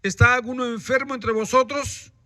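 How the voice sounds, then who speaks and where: Pastor preaching, very high bright voice, asks the congregation questions, dry sound. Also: male voice, fairly even intonation, normal speed, dry recording. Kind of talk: sermon.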